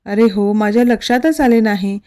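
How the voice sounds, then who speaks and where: A woman voicing a kind, gentle middle-aged mother-in-law. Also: mid-range voice, moderate pace, natural voice. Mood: apologetic.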